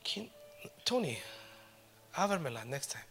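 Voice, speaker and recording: A middle-aged male preacher giving a sermon, switching between Spanish and English, with joking asides and swells into loud, emphatic exhortation. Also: a little high, very animated, slow, vocal fry, husky, soft background music.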